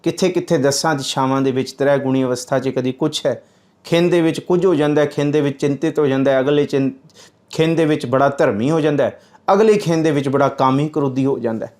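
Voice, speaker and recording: A man giving a religious scripture commentary, reciting verses slowly and then explaining them in plain speech. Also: mid-range voice, steady tone, darkish tone.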